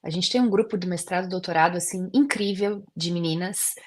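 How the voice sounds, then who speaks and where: A woman with a lowish, darkish voice speaks briskly. She's a guest dentist in a casual interview, talking earnestly and leaning on fillers like "assim" a lot.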